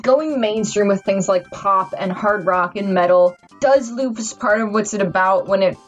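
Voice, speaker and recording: A woman's voice: medium pitch, unhurried, muffled recording, faint music behind. A drunk woman giving a casual, rambling review from notes, stumbling over her words with mock-earnest seriousness. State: tipsy, drunk. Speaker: amateur movie reviewer.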